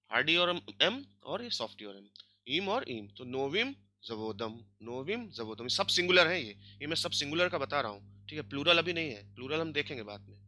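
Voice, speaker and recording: A man's voice: on the high side, bright, forceful tone. A man teaching a grammar lesson online, explaining step by step and checking in often with his students. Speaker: language teacher.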